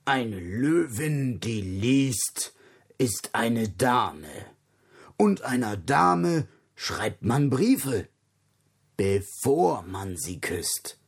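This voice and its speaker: A man reading a children's story aloud slowly and expressively, dropping into dramatic whispers now and then. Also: medium pitch, big pitch swings, breathy edge.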